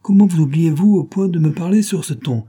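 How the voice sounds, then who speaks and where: A man's voice: mid-range voice, normal speed, warm tone, slightly rough, close to an everyday voice. Man voicing a pushy scheming villain. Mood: threatening. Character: scheming clubman villain, eager, threatening.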